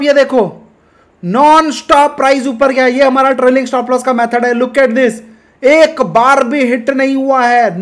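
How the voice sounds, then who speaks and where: Excited man pitching stock market calls. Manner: hyped, emphatic, mixes English phrases, coaxes viewers. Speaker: stock market trading educator. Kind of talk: energetic market commentary to camera.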